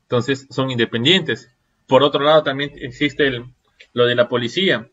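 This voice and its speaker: Lecturer, male, mid-pitched voice, questioning teaching style, dull lo-fi sound. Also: fairly even intonation, moderate pace, a bit bright. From Peru. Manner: rhetorical questions, frequent checking "¿sí?". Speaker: seminar lecturer. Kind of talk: online seminar lecture.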